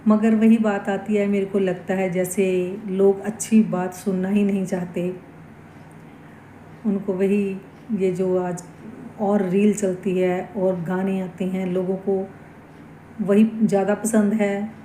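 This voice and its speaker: Slow, flat-voiced woman in an echoey room. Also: mid-range voice, slight background noise. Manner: slow, reflective, earnest. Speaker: devotional vlogger. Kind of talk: casual spiritual talk.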